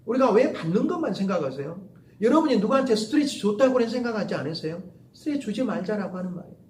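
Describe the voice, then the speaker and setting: A middle-aged man with a Jeolla Korean accent, a professor giving a lively lecture to students, repeating phrases and swinging from soft to loud. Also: high voice, quick pace, echoey room, a little hiss or hum.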